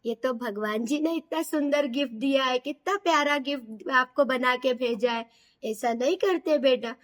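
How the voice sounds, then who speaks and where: A woman voicing a loving mother mouse who gently coaxes her child in a storybook tale. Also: high-pitched, normal speed. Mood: soothing. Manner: soft, coaxing.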